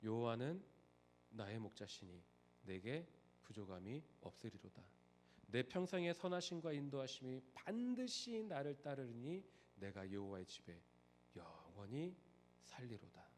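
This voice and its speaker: A man voicing an old gentleman who recites a psalm slowly in a hushed, solemn way. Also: mid-range voice, lively intonation, slight background noise, pitched below the performer's own voice, lightly acted.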